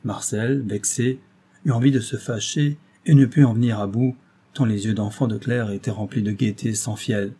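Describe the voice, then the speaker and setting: A man narrating a novel in a measured storytelling way. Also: lowish voice, steady tone, warm tone, breathy edge. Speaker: audiobook reader.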